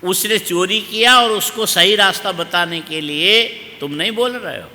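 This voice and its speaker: A man giving a Hindi religious discourse, teaching in a slow cadence, asking listeners questions and chanting Sanskrit verses. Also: high-pitched, sharp tone, in a large hall. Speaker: Bhagavata katha preacher.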